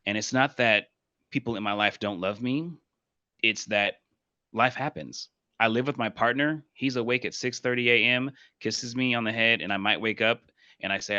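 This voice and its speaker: A man speaking as a podcast guest, earnest and reflective, often repeating affirmations softly. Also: fairly low pitch, no echo, lo-fi sound. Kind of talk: casual podcast conversation.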